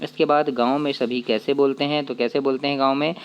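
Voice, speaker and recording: A man's voice: medium pitch, flat delivery, smooth. A male teacher going through a children's workbook, asking questions and answering them himself. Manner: explains step by step, asks and answers his own questions; reads poem lines slowly. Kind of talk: workbook lesson walkthrough.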